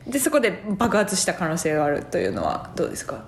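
A woman's voice: fairly low pitch, huge pitch swings, quick pace, a little hiss or hum. A woman co-hosting a casual comedy podcast, speaking; she chats loosely, laughs often and fills gaps with many fillers. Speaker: podcast co-host. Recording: roomy echo.

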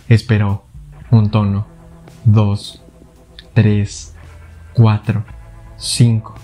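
A man reading a thriller audiobook in steady, deliberate narration. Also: on the low side.

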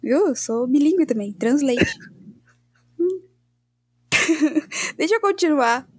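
A woman's voice: sits high, lively intonation, a little fast, no echo, clean studio sound. A woman with a Brazilian accent hosting a podcast, switching between scripted narration and informal, self-deprecating asides. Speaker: podcast host. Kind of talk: casual chat and scripted true-crime narration with asides.

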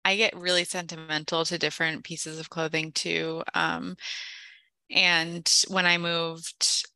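A young woman co-hosting a casual chat podcast, telling stories in an animated way and laughing often, then explaining health topics. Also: fairly low pitch, unhurried, clean tone, no echo. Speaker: podcast co-host, health practitioner.

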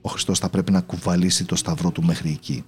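A man voicing a gentle elderly monk in a storybook, speaking softly as if through tears. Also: low-pitched, fairly even intonation, soft background music, lightly acted. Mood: sorrowful. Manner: soft, tearful.

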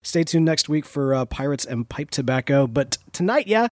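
Higher-voiced man hosting, chatty and wry. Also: animated, normal speed, no room sound, clean studio sound. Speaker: podcast host. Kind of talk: casual podcast chat.

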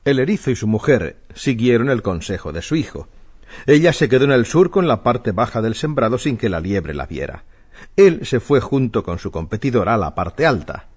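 A man narrating a children's radio story in a measured, expressive way. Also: medium pitch, slightly rough.

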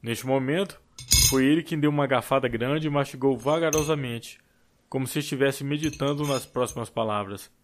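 A man's voice: medium pitch, normal speed. Man narrating an audiobook with faint hiss. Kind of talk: scripted narration.

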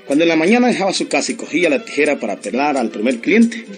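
A man's voice: on the high side, big pitch swings, quick pace, soft background music. A man narrating a radio play, telling the story to a listener.

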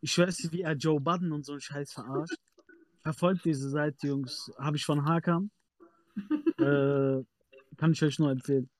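A man's voice: fairly high pitch, steady tone, normal speed. A young man, chatting casually and insistently in slang, often repeating himself for emphasis. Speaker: podcast panelist. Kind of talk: casual chat, slangy sports debate.

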